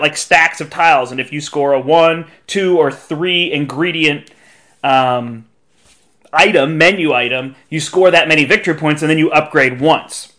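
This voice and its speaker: A man's voice: fairly high pitch, bright, forceful tone. A man hosting a board game podcast, speaking in a chatty, informal, showman-like way. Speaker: podcast host.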